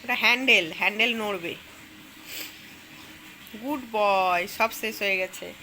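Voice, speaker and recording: A woman's voice: medium pitch, measured pace, background noise. A woman filming her small child at home on her phone, coaxing and teasing him in a playful way. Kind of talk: casual home video chat. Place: home, by a bed. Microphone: phone camera held while filming.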